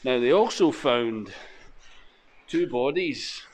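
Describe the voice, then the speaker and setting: A man's voice: mid-range voice, lively intonation, slow, a little hiss or hum. A man in his forties, chatting and thinking aloud as he explores the countryside and a cave for his vlog. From Scotland. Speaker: motorcycle vlogger. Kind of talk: casual vlog narration. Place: outdoors in countryside and a rock cave.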